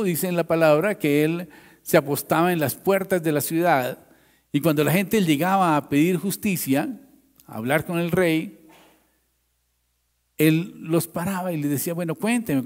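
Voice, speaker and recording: A male pastor preaching a sermon in a church. He tells the story dramatically, swinging from loud, raised lines to hushed ones. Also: on the high side, measured pace, big-room sound.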